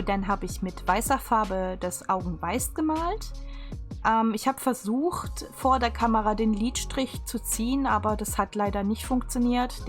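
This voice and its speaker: A woman giving a chatty, unscripted craft tutorial voice-over in a casual style. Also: medium pitch. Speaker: video creator. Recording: music behind the voice. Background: instrumental music.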